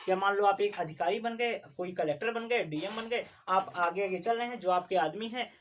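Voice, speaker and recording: A man teaching a Hindi basics lesson. He repeats syllables over and over, asks questions and answers them himself, and says some sounds forcefully and others softly. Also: sits high, moderate pace, far from the mic, slight background noise. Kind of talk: classroom lesson on vowel marks.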